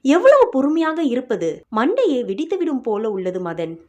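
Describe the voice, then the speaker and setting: A woman voicing a wary, sharp-tongued young woman. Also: high-pitched, wildly swooping pitch, muffled recording. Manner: questioning, defensive, quick to bristle.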